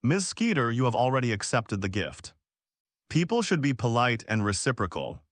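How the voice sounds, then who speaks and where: A calm, menacing young boy wizard from a storybook fan tale, as a man reads him out, speaking in a measured, even way with a lively rise and fall. The sound is dry and close. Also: mid-range voice, no echo.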